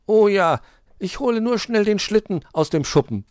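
A man's voice: high voice, lively intonation, unhurried, mellow, no echo, studio quality, pitched above the performer's own voice. A man voicing a small, eager young male rabbit in a storybook, meek and keen. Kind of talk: storybook read-aloud.

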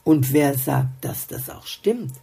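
A grumpy little songbird from a storybook, muttering and doubting everything in a low, gravelly grumble, as a woman reads him. The voice is dark, very husky and slow. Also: lively intonation, soft background music, full character voice. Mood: grumbling, doubtful.

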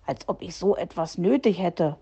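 A woman voicing a grumpy, proud male fox gentleman in a storybook reading, grumbling and indignant. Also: lowish voice, expressive, moderate pace, breathy edge.

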